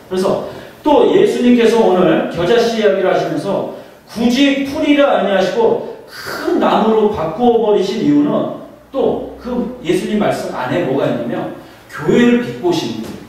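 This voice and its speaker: A man's voice: high-pitched, darkish tone. A man preaching a sermon as pastor, often putting questions to the congregation. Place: church sanctuary. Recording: echoey church hall from far off.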